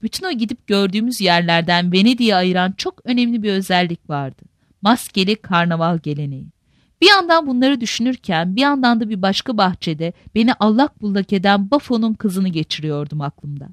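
A woman narrating a novel in a measured, literary manner. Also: medium pitch, lively intonation, no room sound, clean studio sound. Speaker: audiobook narrator.

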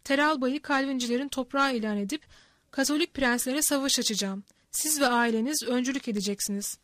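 A woman reading the part of a scheming, menacing male nobleman in an audiobook, in a smooth, threatening way, recorded close and dry. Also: high-pitched, a little fast, fairly bright tone, no echo.

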